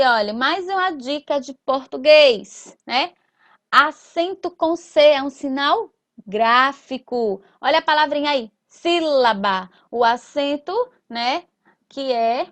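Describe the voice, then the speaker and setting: Slow, high-voiced woman teacher. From Sergipe, Brazil. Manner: slow, drawn-out and explanatory, with frequent tag questions. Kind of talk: recorded school lesson.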